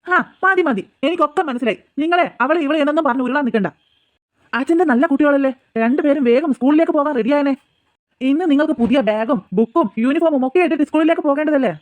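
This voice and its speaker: A woman's voice: high voice, fast, no echo, lightly acted. A woman voicing a cheerful middle-aged father in a cartoon, teasing and fond with his family. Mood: coaxing. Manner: fond, chiding, joking. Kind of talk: cartoon voice acting.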